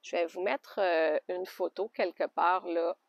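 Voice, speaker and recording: A woman with a Québécois French accent chatting casually in a knitting podcast, homey and loose, with soft laughs. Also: fairly low pitch, fairly even intonation, measured pace, gravelly, dry recording. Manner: chatty, homey, often laughs softly and adds little fillers. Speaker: knitting podcaster and alpaca farmer. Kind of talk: casual show-and-tell chat. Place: outdoors by an alpaca pen.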